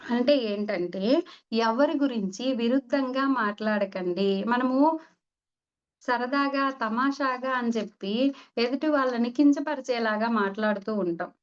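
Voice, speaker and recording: A woman's voice: a little high, unhurried. A woman meditation teacher giving a conversational spiritual talk, acting out little dialogues as she teaches. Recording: dull lo-fi recording.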